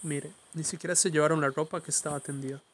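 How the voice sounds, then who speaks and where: A sly, impatient police officer coaxes in a honeyed tone that keeps turning sharp, as a man reads him aloud. The voice sits a little high with a fairly flat melody. Faint background noise hangs behind him. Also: fast. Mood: coaxing. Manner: sugary coaxing turning sharp.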